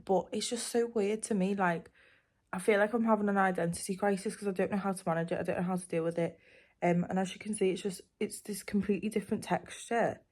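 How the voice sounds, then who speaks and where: A young woman with a Liverpool accent talks straight to camera from her home, her voice sitting a little low. She rambles easily, stringing thoughts together with plenty of "um" and "like.". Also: darkish tone. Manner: chatty, rambling, lots of "um" and "like". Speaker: vlogger. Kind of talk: casual chat to camera.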